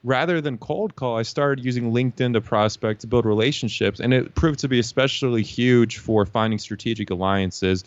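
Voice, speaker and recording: A man's voice: mid-range voice, normal speed, hardly any pauses, no echo, lo-fi sound. A young man from Lithuania, a guest telling his story in a casual interview, confident and fluent with frequent "you know.". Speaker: guest, LinkedIn marketing consultant.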